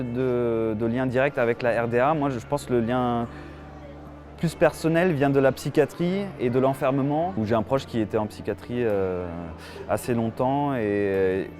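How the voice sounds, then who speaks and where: A man's voice: mid-range voice, a little mellow. A man in his thirties from Germany, an animation film director giving a festival interview, hesitant with many fillers and restarts.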